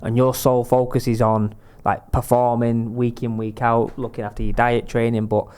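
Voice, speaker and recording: A man hosting a casual interview with a smooth, clear voice. His pitch sits in the middle, and he guides the talk in a steady way. He keeps affirming the guest as they speak. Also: normal speed. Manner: steady, affirming, frequent yeahs. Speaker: podcast host.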